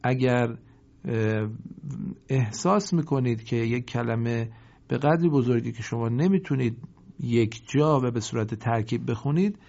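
Mellow-voiced man teaching a lesson. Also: mid-range voice, vocal fry. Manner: brisk explaining, slow drawn-out recited example words. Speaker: Quran reading teacher. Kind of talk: recorded lesson. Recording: dull lo-fi recording.

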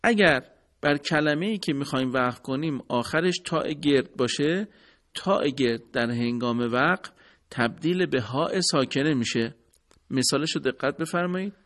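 A man's voice: on the high side, fairly bright tone. A man teaching Quran recitation in a scripted radio lesson, formal and courteous, explaining step by step.

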